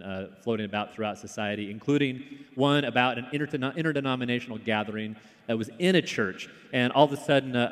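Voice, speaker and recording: A man preaching a sermon as pastor, telling stories in a relaxed way with frequent fillers and restarts. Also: medium pitch. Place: church sanctuary. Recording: long hall reverb in a church.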